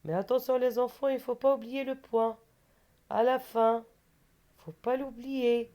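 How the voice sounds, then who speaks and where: A woman's voice: on the high side, steady tone, measured pace, dark tone. A woman teacher giving a patient reading lesson for children, repeating syllables and words and asking questions that she answers herself.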